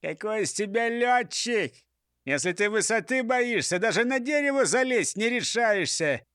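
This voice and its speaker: A man's voice: high-pitched, animated, moderate pace, a bit bright, smooth, no room sound, clean studio sound, voice pushed up. A man reading an audiobook, voicing a bossy, boastful male robber chief who scolds and mocks his gang. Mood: mocking. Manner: scolding, mocking. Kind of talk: audiobook character voice.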